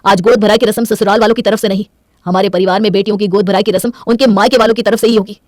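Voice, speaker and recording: A woman voicing a caring, earnest young husband in a spoken moral story, gentle and reassuring. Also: medium pitch, steady tone, very fast, dry recording, clean studio sound, close to an everyday voice. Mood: firm. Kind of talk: Hindi moral story voice acting.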